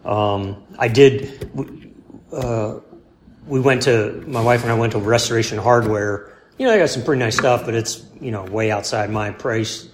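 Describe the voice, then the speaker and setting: A man in a casual interview, rambling and halting, with many fillers and restarts, laid-back and self-deprecating. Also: medium pitch. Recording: roomy with faint background hum.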